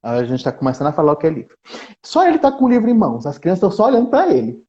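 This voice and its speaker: A man's voice: sits high, racing, lo-fi sound. A man, a researcher, chatting as a guest on a live stream and acting out book lines with shifting intonation. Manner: animated, dramatizes book reading with shifting intonation. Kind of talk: casual chat on a live stream.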